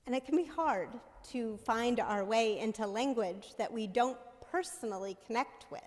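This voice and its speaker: A woman minister preaching a sermon into a pulpit microphone in a church sanctuary, measured and conversational, often asking the congregation "right?". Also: a little high, darkish tone. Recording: long reverb of a church hall.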